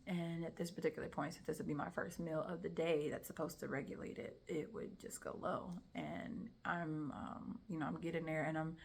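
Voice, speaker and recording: A young woman giving a personal testimony in casual storytelling, emotional and animated, dropping into soft whispers at times. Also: deep voice, moderate pace, vocal fry, few pauses, breathy edge. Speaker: testimony speaker.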